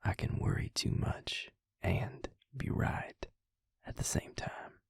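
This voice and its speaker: Whispering in a dry, studio-quality recording, the man gives his self-deprecating, protective vampire a gravelly, breathy, halting delivery with gentle teasing. This lightly acted take is soft and wry.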